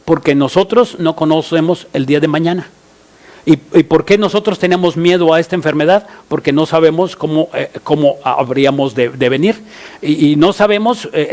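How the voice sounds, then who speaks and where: A Mexican pastor with a fairly high voice preaches a sermon. He stumbles and restarts often, filling pauses, then cries out prayers at full voice. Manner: halting, many fillers and restarts, cries out prayers loudly.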